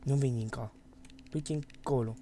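A Romanian man streaming a horror game live, chatting casually and bursting into loud, panicky repeated shouts. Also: mid-range voice. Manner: panicky, loud outbursts and rapid repeated words. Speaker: gaming streamer.

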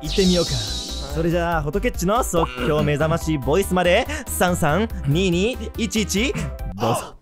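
Male comedy show host, excitable announcer type with swooping pitch, music underneath. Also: moderate pace. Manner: excitable, announcer-like countdowns and shouts. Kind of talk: comedic game show hosting.

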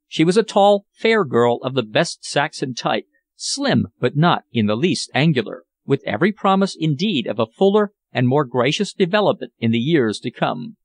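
A male audiobook narrator with a fairly high voice and lively, wide-ranging pitch. The reading is measured and sounds dry and close to the mic. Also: no room sound.

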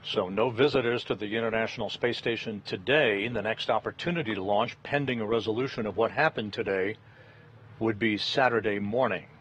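A man giving live launch commentary from mission control in a halting, deliberate, matter-of-fact way. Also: on the low side, fairly bright tone, breathy edge. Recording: dull broadcast audio, faint noise.

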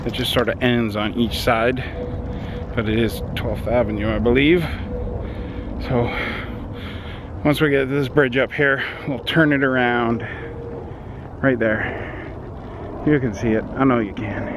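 A man's voice: medium pitch, steady tone, takes it slowly, long pauses. A middle-aged man chatting casually to a handheld camera while walking his dogs outdoors on a desert trail. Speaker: vlogger. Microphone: handheld camera at arm's length. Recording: outdoor traffic noise. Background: outdoor ambience with distant traffic.

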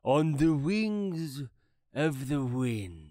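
An actor playing the solemn ghost of a dead old businessman who speaks in slow, grave, mournful pronouncements. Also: a little high, big pitch swings, a little mellow, no room sound, studio quality, full character voice. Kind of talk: dramatized classic story reading.

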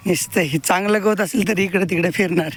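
Chatty farmer outdoors with loud background noise. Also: male voice, high voice, fairly even intonation, a little fast. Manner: chatty, calls out to animals. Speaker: farmer vlogger. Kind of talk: casual farm vlog narration. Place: outdoors on a farm field. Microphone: phone held while filming.

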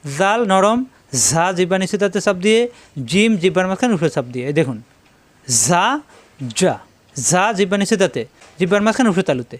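A male Quran teacher slowly drilling letter sounds with a Bangladeshi Bengali accent, repeating each syllable and explaining mouth positions. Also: sits high, animated, no echo. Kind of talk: slow drilled pronunciation lesson.

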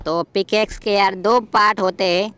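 A man voicing an excitable, jokey young male game hero in a playful gameplay voiceover, full of exclamations. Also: high-pitched, moderate pace, a little hiss or hum. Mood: chatty. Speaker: gameplay commentator voicing a character.

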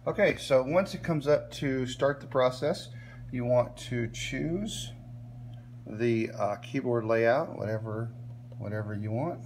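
A man hosting a step-by-step tech tutorial, plain and relaxed, often checking in with "okay?" as he works on a laptop at a workbench. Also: mid-range voice, slow pace, a little hiss or hum. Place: indoors at a workbench filming a laptop screen.

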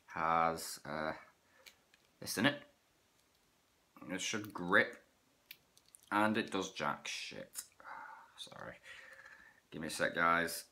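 A man with a bright voice and a head cold reviews a collectible figure in a loose, chatty way. He rambles, corrects himself mid-sentence and stumbles over words. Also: fairly low pitch. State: has a cold, sniffling. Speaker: toy reviewer. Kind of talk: casual toy review.

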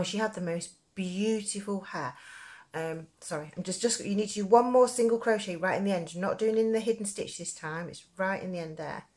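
Rambling casually through a craft tutorial, a woman from Nottingham, England talks in an informal, chatty way with a Nottingham accent. She presents crochet in a lowish, slightly mellow voice.

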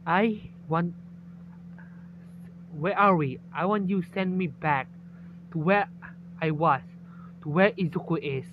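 A man voicing an anxious young heroine in a fan story, in his earnest, halting reading voice. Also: lowish voice, muffled recording, a little hiss or hum. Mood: demanding.

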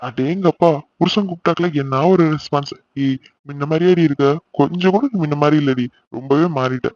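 A man playing a fast-talking teasing young husband. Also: a little high, a little mellow, dry recording, highs cut off, close to an everyday voice. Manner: brisk, bantering, scolding in jest. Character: teasing young married man running an office. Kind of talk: cartoon voice acting.

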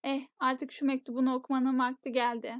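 A hot-tempered giant gamekeeper bellows his way through an audiobook scene, read by a woman. The voice sits high and sounds dry and close. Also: level tone, a little fast, no echo, lightly acted. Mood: gentle. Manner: roaring, indignant outbursts. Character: huge gruff male giant gamekeeper, blunt and hot-tempered. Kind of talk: audiobook character reading.

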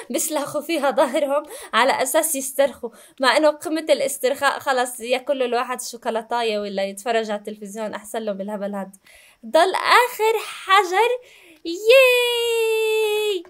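High-pitched fast-talking woman gamer. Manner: chatty, reacts with loud squeals and screams. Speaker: gaming YouTuber. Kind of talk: let's play commentary.

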